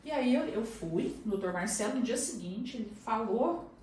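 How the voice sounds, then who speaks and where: A woman with a Brazilian Portuguese accent, a guest on an interview show, telling a personal story in a lively way and acting out what others said. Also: on the high side, normal speed. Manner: animated storyteller who acts out the other people's lines. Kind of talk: casual chat, personal storytelling. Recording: very echoey room, distant mic, faint noise.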